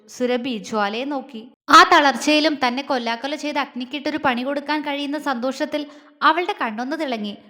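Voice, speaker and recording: A woman storyteller narrating an audio drama in a steady reading voice. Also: high voice, big-room sound.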